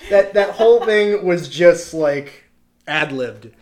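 A man co-hosting a podcast, chatting casually about films with lots of fillers and animated quoting. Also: fairly high pitch, slow pace, crowd noise. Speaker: podcast co-host. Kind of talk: casual film discussion.

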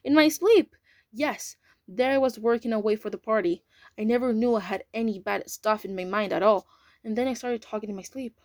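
A woman's voice: mid-range voice, fairly quick, dry recording, close to an everyday voice. A woman voicing a frightened man prisoner who talks anxiously, close to tears.

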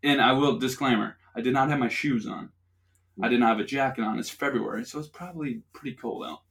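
A man's voice: medium pitch, fast, fairly bright tone. A young man telling a rambling, profane story in casual chat on a podcast, laughing often. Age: young adult. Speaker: podcast host.

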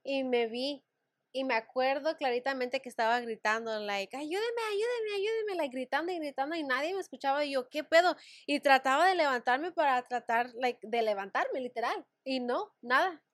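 A young woman co-hosting a casual podcast chat, telling scary stories in a lively way and dropping English fillers into her speech. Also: high-pitched, moderate pace, dry recording, studio quality. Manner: mixes Spanish with English fillers, animated storytelling. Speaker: podcast co-host.

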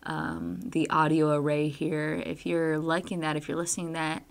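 A woman's voice: low-pitched, normal speed, gravelly. A woman co-hosting a casual chat podcast, groggy from just waking up, rambling in a playfully dramatic way. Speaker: podcast co-host.

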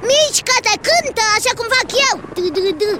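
A performer voicing Bici, a boastful, cheerful young boy in a cartoon who is quick to argue. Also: extremely high pitch, lively intonation. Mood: bossy cheerful. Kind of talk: cartoon dub acting. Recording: loud background noise.

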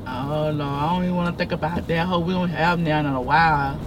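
A woman's voice: low-pitched, steady tone, fast. A middle-aged woman with a Southern Florida accent and a folksy drawl, chatting casually and repeating her phrases as she rambles. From Florida, United States. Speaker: passenger being interviewed. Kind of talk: casual chat. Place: inside a car. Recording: noisy moving vehicle, road noise.

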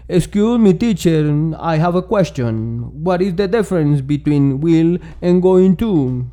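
Earnest young student with a Tolima Colombian accent, polite and careful, higher pitch, played by a man. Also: lively intonation, slow pace, dark tone. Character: earnest young male student asking in English.

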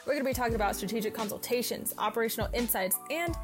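A woman's voice: a little high, rapid-fire. A woman announcer reading a scripted show intro in a punchy, rousing, promotional hype style. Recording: voice over music bed. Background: music.

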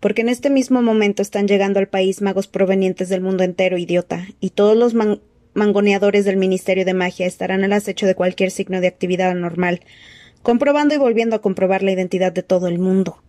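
A woman voicing a cold, menacing dark-lord man who speaks slowly in soft hissing threats. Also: mid-range voice, steady tone, no echo, lightly acted.

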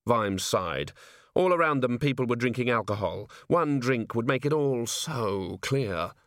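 A man reading an audiobook as its narrator in measured storytelling. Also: medium pitch, expressive, fairly bright tone, dry recording, studio quality. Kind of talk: scripted narration.

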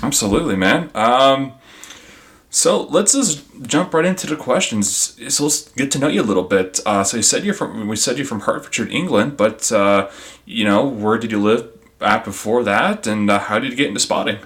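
Bright, forceful male podcast host. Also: medium pitch, lively intonation, moderate pace. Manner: informal, addresses listeners as guys. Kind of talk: conversational podcast hosting.

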